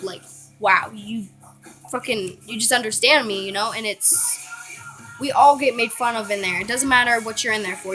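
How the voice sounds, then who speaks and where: A woman's voice: medium pitch, a bit bright, rough recording. A young woman vlogging, telling a story in a blunt, heated, profane way. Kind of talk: casual storytelling to camera.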